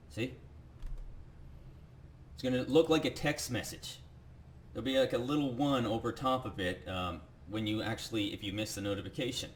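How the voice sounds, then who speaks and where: A man gives a software demo as a casual, enthusiastic sales pitch, walking the viewer through each step. A little hiss or hum is audible.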